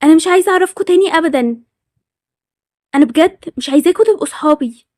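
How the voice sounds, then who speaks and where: A woman with an Egyptian Arabic accent voices a touchy, suspicious schoolgirl who keeps accusing people, narrating over animated game scenes. Her delivery is indignant and accusing, rapid-fire and animated, in a very high, slightly mellow voice. The studio recording is clean with no echo.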